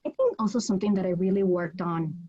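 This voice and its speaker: This time the dean from Puerto Rico, whose first language is Spanish, talks at a quick pace in a mid-range voice with a breathy edge. She's a guest on a webcam video call from her bookshelf-lined home office, earnest and animated, hands in constant motion, and the audio is dull and lo-fi.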